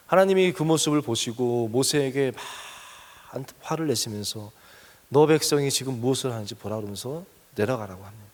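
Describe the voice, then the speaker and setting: Korean pastor preaching in a reverberant hall. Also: male voice. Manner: earnest, asks the congregation questions, rises in pitch and force when urging. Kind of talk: sermon.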